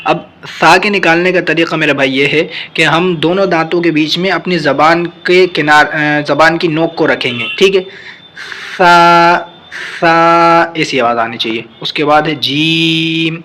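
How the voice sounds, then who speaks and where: A man teaching Quran reading, patiently repeating each letter slowly. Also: a little high, fairly even intonation, bright, forceful tone, a little hiss or hum. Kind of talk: step-by-step recitation lesson.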